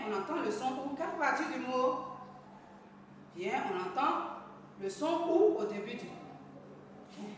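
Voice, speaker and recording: Woman teacher, high voice, slow careful enunciation, distant mic, long echo. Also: a little hiss or hum. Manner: slow, careful enunciation of sounds, addresses children. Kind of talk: early reading lesson for children. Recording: echoey room heard from afar.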